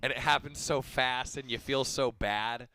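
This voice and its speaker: A man hosts a sports radio interview in a relaxed, jokey way. His voice is bright and forward, smooth and clear. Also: medium pitch, dry recording. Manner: jokey, upbeat, drawn-out phrasing.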